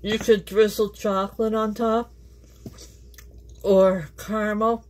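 A woman from Canada hosting a laid-back kitchen cooking vlog talks and laughs often with her viewers. She speaks slowly in a flat, slightly mellow medium-pitched voice, over slight background noise.

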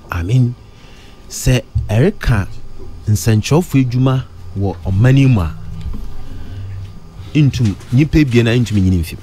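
A middle-aged Ghanaian man talking in a radio studio, mixing Twi and English, his pitch leaping up on questions. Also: a little mellow. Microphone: studio mic close to mouth.

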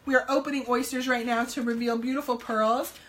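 Brisk and upbeat, this slightly hoarse woman from New Jersey, US, runs a loose live-stream sales chat from indoors at home, full of little ums and hellos for her viewers. Her voice sits a little high, steady and a bit bright, recorded by a camera across the table with slight background noise.

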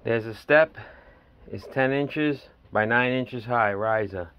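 The audio is dull but free of room sound as a middle-aged man talks slowly and clearly in a resonant mid-range voice. Filming on a handheld phone outdoors, from a dug-out basement stairwell at a house, he gives a casual, rambling tour of his home building project in plainspoken working-man style.

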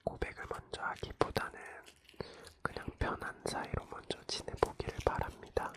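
A host leaning in close to the microphone to whisper softly and intimately, gently reading and answering listener stories in an ASMR radio style. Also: normal speed. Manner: gentle, consoling, informal advice-giving.

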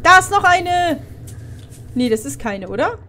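A woman's voice: extremely high pitch, sing-song, measured pace, pushed and bright, a little hiss or hum. A young woman commenting on a horror game as she plays, chatty and exclaiming, sometimes swearing. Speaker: let's play host.

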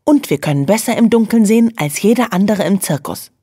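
A woman voicing a fearless, bossy young female dormouse who gives brisk, conspiratorial commands. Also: medium pitch, expressive, warm tone, slightly rough, no room sound, studio quality, voice pushed up.

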